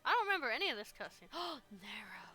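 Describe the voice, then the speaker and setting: Bright, animated woman game streamer. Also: a little high, quick pace, breathy edge, soft background music. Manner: giggly, playful, excitable. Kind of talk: casual playthrough commentary and reading aloud.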